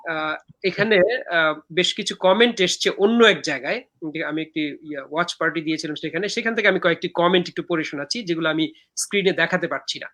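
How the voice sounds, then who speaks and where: A man hosting a live poetry talk over a video call, explaining verse meter in a measured way with frequent hesitant fillers. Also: on the high side, sharp tone. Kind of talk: explaining verse meter and reading viewer comments.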